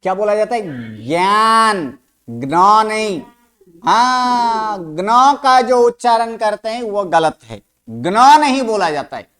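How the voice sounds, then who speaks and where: In an online language lesson, the teacher keeps questioning the class and repeats every sound to practice pronunciation. The voice has a medium pitch, a clean tone, and a moderate pace.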